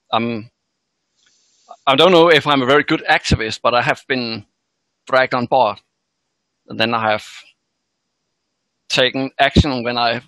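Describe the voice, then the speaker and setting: A man's voice: medium pitch, no room sound, poor audio. A man in his thirties from Denmark, a guest on a casual video call, talking hesitantly and modestly through an earphone mic. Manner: hesitant, self-deprecating, soft. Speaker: activist guest.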